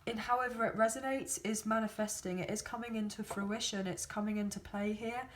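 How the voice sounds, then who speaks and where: Speaking fairly quickly in a steady, mid-range voice, a woman tarot reader rambles through a casual reading. She hedges a lot and fills the gaps with ums and similar fillers, sounding chatty throughout. A sore throat has her losing her voice.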